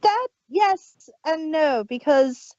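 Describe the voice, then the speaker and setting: Reviewing an audio drama, this woman co-host speaks in a high, animated voice with a darkish tone, yet slowly. The casual chat, with no echo but a dull, muffled sound, is full of frequent laughter and sentences that trail off.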